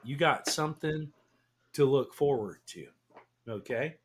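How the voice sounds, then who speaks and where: Excitable sports-radio man. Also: medium pitch, unhurried, noisy background. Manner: excitable, swears, laughs, repeats himself. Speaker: talk radio co-host. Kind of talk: casual sports talk.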